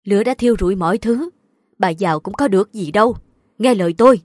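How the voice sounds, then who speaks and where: A woman's voice: mid-range voice, fast talker, darkish tone, no echo, studio quality, close to an everyday voice. A woman voicing a firm, insistent neighbor woman.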